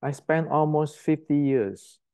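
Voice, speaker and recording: An older man lectures on martial arts in a slow, unhurried delivery. His voice is mellow and warm. He speaks bluntly and emphatically, often repeating a word while he hunts for the next one. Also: fairly high pitch. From Indonesia. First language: Indonesian. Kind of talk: lecture to camera.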